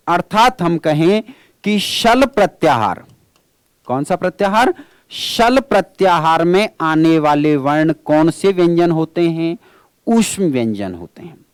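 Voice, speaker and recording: A man's voice: fairly high pitch, dry recording. A male teacher giving an exam-prep grammar lecture. He asks questions and answers them himself, and he calls his listeners friends.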